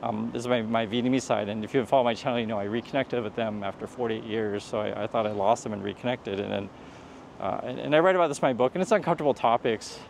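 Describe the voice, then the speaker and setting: Walking along a street near traffic, a man vlogs casually, offering earnest advice in a rambling way and restarting often. His mid-range voice moves fast with vocal fry, and there's slight background noise.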